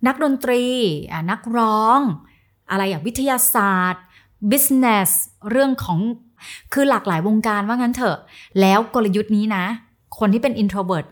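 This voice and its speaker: A woman speaking coach giving a casual, lively lesson and acting out little example scenes. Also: mid-range voice, moderate pace. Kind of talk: casual teaching talk.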